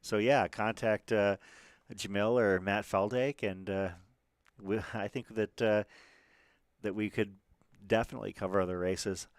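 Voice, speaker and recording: A man's voice: lowish voice, fairly even intonation, a little slow, no room sound, clean studio sound. A man doing casual live commentary on a race stream, chatty and rambling, with lots of fillers and restarts.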